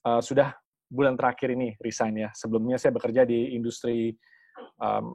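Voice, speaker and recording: A man's voice: flat delivery, moderate pace, vocal fry, warm tone, dry recording. A man giving an upbeat online business presentation over a video call. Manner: upbeat sales pitch.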